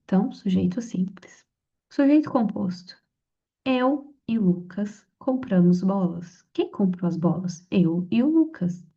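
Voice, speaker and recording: A woman explaining grammar for a civil-service exam in a relaxed, chatty lesson, often checking in with her listener. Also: medium pitch, a little slow, breathy edge. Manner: conversational, frequent "tá?" and "então". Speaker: exam prep tutor. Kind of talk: casual spoken lesson. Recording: slightly dull lo-fi audio.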